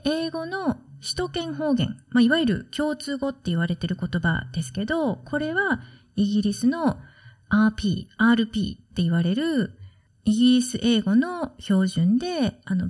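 A woman who works as a study-abroad consultant, hosting her own podcast in a relaxed, chatty way and explaining with soft asides. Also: fairly high pitch. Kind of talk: solo podcast talk.

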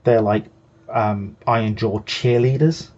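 A man's voice: fairly low pitch, steady tone, a little slow, a little mellow, dull audio. A man co-hosting a hobby show, patiently explaining game rules in casual chat and often restarting his sentences. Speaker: co-host.

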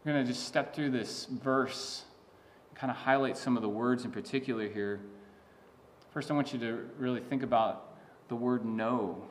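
A man's voice: mid-range voice, fairly even intonation, normal speed, slight background noise. A man preaching a sermon as a pastor, teaching in an earnest, emphatic way with frequent restarts and asides.

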